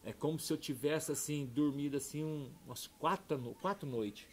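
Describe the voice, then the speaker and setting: A middle-aged man, a pastor telling a heartfelt personal testimony, dropping soft and low then rising loud and excited. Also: normal speed. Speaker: pastor and podcast guest.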